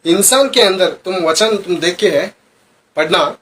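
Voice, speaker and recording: A man's voice: high voice, expressive, unhurried, slight background noise. Hindi-speaking man preaching, rising and dropping. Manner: preaching with rhetorical questions to the congregation; swings between loud emphatic phrases and dropped quiet asides. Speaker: pastor. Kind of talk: sermon.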